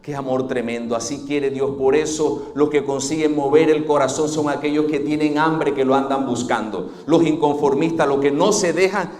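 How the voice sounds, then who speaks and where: A pastor giving a Sunday sermon, dramatic, moving between hushed and loud passages. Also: male voice, on the high side, moderate pace, few pauses, faint music behind.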